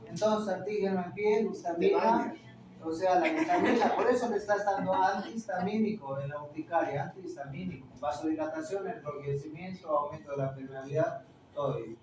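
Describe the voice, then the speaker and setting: A man's voice: on the high side, darkish tone. Echoey lecturing man with Peruvian accent. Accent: Peruvian Spanish. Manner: explanatory, quizzes students with tag questions. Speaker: teacher. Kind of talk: classroom lecture. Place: classroom. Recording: echoey room, distant mic, faint noise.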